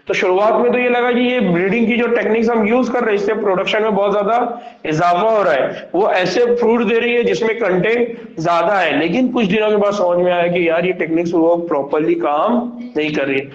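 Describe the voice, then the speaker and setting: High-voiced man teaching in an echoey room. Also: fairly quick, hardly any pauses. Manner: asks rhetorical questions and answers them himself; mixes English terms into explanations. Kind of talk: classroom biology lecture. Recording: echoey room, dull lo-fi sound.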